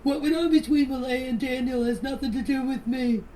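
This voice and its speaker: This phone voice message, distant and full of noise, carries an older Canadian woman's earnest, defensive account of herself, in which she insists on her points again and again. She speaks in a high, warm voice at a slightly fast pace.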